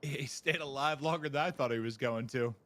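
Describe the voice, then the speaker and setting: A man casting esports with excited play-by-play, swinging between tense murmurs and drawn-out shouts. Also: medium pitch. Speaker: esports caster. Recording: noisy, game sounds behind.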